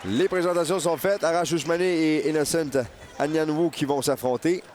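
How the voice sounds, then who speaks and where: A man's voice: on the high side, normal speed. A man with a Quebec accent calling a boxing match live as play-by-play commentator. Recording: loud arena crowd and background noise. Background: roaring crowd in an arena.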